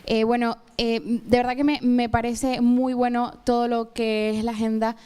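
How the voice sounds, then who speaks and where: A woman's voice: a little high, level tone, moderate pace, warm tone, smooth. A young woman with a Venezuelan accent, a student asking a panel a question, hesitant with many fillers. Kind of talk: audience question.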